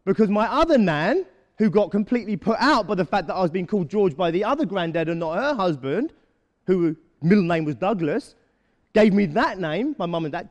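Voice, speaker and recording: A man giving a live motivational talk to a young audience, often checking in with quick rhetorical questions. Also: sits high, big-room sound, highs cut off. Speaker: motivational speaker.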